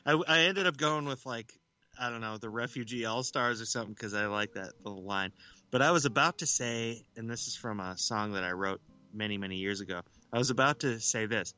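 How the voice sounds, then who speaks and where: A man's voice: mid-range voice, a little fast, sharp tone, smooth. A man co-hosting a podcast, chatting casually with lots of laughter and stammered restarts. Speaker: podcast co-host.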